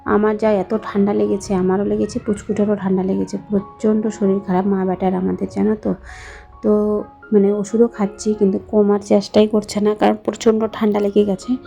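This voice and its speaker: A young woman with a hoarse voice from a cold, chatting slowly and softly to her viewers in a voice-over for her home vlog. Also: medium pitch, flat delivery, soft background music. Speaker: vlogger, housewife.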